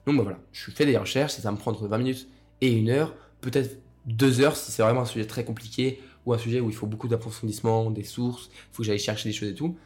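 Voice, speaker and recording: A young man with a cold-roughened voice hosting a casual solo podcast, rambling with many fillers and restarts. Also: medium pitch, fairly even intonation, fast talker, darkish tone. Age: young adult. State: hoarse from a cold. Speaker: podcast host.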